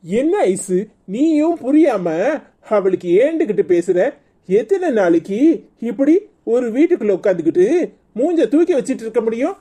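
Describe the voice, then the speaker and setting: A woman's voice: fairly high pitch, sing-song, normal speed, mellow. A woman voicing a proud, defensive middle-aged husband in a cartoon, with a Kanyakumari Tamil accent. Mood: indignant. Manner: complaining, defensive. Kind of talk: cartoon voice acting.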